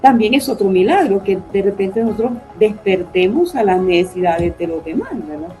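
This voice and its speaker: Earnest woman with a mellow voice. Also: mid-range voice, animated, moderate pace, faint music behind, low-quality recording. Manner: earnest, often adds tag questions. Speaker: panelist sharing testimony. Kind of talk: personal faith testimony.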